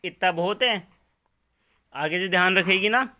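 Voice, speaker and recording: Bright-voiced man scolding his baby. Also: high-pitched, measured pace. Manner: playful lecturing, rhetorical questions. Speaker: father.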